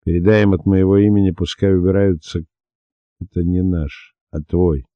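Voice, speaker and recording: A man voicing a gruff, impatient male prison guard who barks orders, on a dull, dry, lo-fi recording. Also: low voice, fairly even intonation, normal speed, dry recording, natural voice. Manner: barking, impatient.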